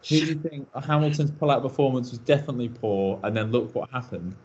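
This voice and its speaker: A man's voice: medium pitch, fast talker, darkish tone. A man co-hosting a casual podcast, hesitant and unsure, then teasing the others. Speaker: podcast co-host. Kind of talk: casual chat. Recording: dull lo-fi audio with faint noise.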